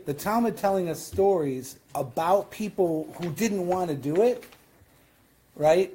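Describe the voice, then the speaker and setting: A man's voice: sits high, lively intonation, unhurried, mellow, slight background noise. A man with a Western New York accent teaching a Talmud class as rabbi, explaining in a conversational way with questions and asides. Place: synagogue classroom.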